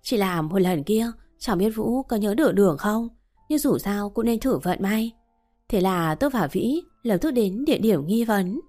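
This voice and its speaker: A woman narrating a first-person story in a steady audiobook reading. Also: medium pitch, normal speed. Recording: faint background music.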